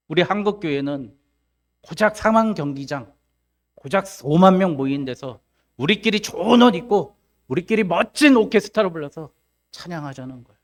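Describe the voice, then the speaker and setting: A middle-aged male pastor giving a sermon, acting out the voices of the people he quotes. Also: high-pitched.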